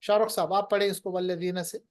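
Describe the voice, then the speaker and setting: A woman's voice: fairly low pitch, fairly even intonation, quick pace, a little mellow. A woman teaching Quran recitation rules step by step, patiently explaining and quizzing her students.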